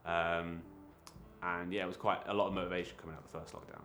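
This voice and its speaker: Young man, very deep voice, casual interview, hesitant, filler words, faint music behind. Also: little pitch movement, a bit bright. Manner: halting, many fillers and restarts. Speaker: creative interviewee.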